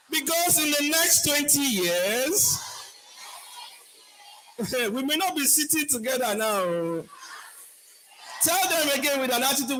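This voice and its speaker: A man with a Nigerian accent giving a lively motivational talk to a hall of young people, firing questions at the audience. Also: extremely high pitch, a little hiss or hum. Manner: energetic, call-and-response with the crowd, shouting questions. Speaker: motivational speaker.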